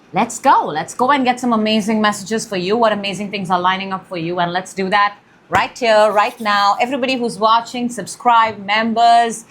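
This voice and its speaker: A young woman hosting a casual tarot reading at home, excitable and gushing, with loud bursts and soft murmurs. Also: on the high side, a little hiss or hum. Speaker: tarot reader, channel host. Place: room in her home.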